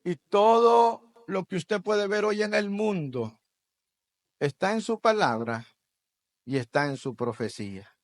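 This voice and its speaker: Guy preaching, high voice, slow and drawn out, goes loud then quiet, has folks repeat after him. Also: animated, dry recording. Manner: preaches with dramatic swings, loud bursts then hushed asides; leads the congregation in call-and-repeat. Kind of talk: sermon. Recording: dry radio broadcast.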